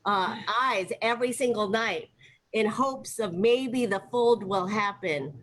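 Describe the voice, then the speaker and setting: Unhurried and fairly bright, this mid-range female voice belongs to a young Ohio comic telling chatty stories at an online open mic. She fills her speech with fillers and frequent laughs, heard over a video call with faint background noise.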